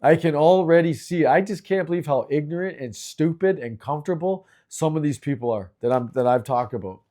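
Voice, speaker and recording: A middle-aged Canadian man hosts his own video, ranting angrily about complaint agencies and swearing a great deal. His voice is on the high side, animated, fairly quick and warm. His manner is angry, frustrated and profane throughout this ranting commentary.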